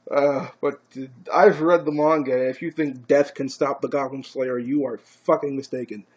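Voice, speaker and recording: A man casually recapping and reviewing an anime episode, swearing freely and growing excited. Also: medium pitch, moderate pace, husky. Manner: casual, profane, grows excited.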